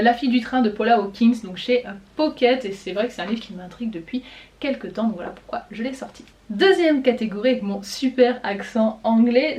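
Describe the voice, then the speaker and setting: A young woman presenting her seasonal reading list in a casual vlog, chatting with frequent pauses while she checks her notes. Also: a little high, a little mellow. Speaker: book vlogger.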